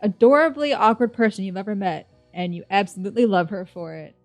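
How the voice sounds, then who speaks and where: A woman reads a dating game's narration aloud to friends, breaking off to swear and laugh. Her voice is mid-pitched and casual. Faint music plays under the talk. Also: animated, fast. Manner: swears a lot, laughs often. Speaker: gamer reading a dating sim aloud. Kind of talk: casual gaming chat and narration.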